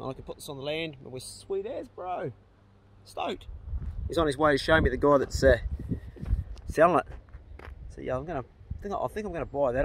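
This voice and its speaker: A middle-aged man with a broad New Zealand accent chatting casually as a vlog host, laid-back and slangy. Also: medium pitch. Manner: laid-back slangy talk, ending with "eh" and "bro". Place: outdoors on rural land. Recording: noisy outdoor ambience.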